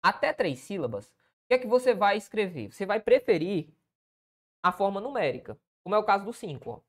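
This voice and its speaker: A man's voice: high-pitched, big pitch swings, a little fast. A man with a Brazilian Portuguese accent, a writing teacher correcting a student essay aloud, who keeps checking in with the listener and pointing things out on the page.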